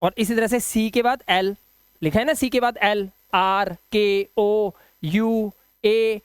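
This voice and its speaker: Slow and smooth, a male English teacher's high voice holds a steady tone as he gives a spoken video lesson for students. He answers the questions he puts to the class and stretches letter sounds while spelling; the audio is dry, clean studio sound.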